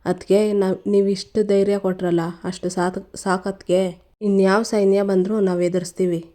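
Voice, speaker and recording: A scheming mother begging through tears, as a woman narrator puts her on, in a soft, mellow voice with little melody. She sounds like a serial villain putting on a humble act. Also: mid-range voice, flat delivery, normal speed, close to an everyday voice. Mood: pleading. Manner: pleading, tearful. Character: tearful scheming mother pleading with sister-in-law.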